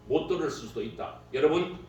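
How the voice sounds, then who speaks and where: A man gives a humorous workshop lecture, his voice high and swinging widely. He keeps joking and laughing at his own stories. He is heard from a distance in a very echoey hall, with a faint hum underneath. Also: a little fast, dull audio. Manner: jokey, laughs at own stories, lively delivery.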